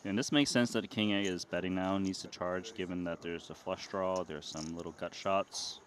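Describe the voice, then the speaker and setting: A man's voice: low-pitched, steady tone, moderate pace, slight background noise. A man giving analytical live poker commentary in a conversational way.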